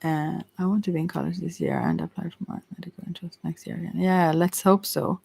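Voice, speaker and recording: In an ASMR livestream, a tarot reader offers casual, gently encouraging spiritual advice, rambling hesitantly and often trailing off mid-thought. The voice is medium-pitched and gravelly with a breathy edge, moving fairly quickly.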